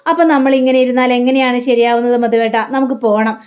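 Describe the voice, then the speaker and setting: A woman voicing an anxious mother who speaks in a hurried, pleading way. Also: fairly high pitch, little pitch movement, a little mellow, close to an everyday voice. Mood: eager. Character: anxious mother, fussing over her daughter.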